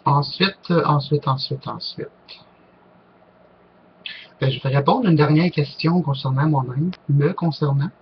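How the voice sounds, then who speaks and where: A man's voice: on the high side, a little slow, long pauses, muffled recording, a little hiss or hum. A man with a Québécois accent answering viewer questions to camera, hesitant, with many fillers and restarts. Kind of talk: casual talk to camera.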